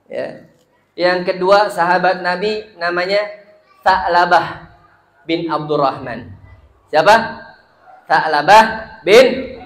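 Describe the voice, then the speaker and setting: High-voiced man preaching, lively storytelling. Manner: addresses the crowd directly with questions; cuts words off and repeats them for emphasis. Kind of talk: storytelling sermon.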